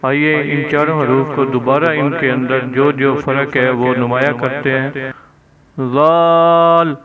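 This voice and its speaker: Man teaching letter sounds slowly. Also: medium pitch, level tone, over a noisy crowd. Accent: Pakistani Urdu. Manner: drawn-out, emphatic letter sounds between plain explanations. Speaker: Quran reading teacher. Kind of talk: step-by-step recitation lesson. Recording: dull lo-fi recording.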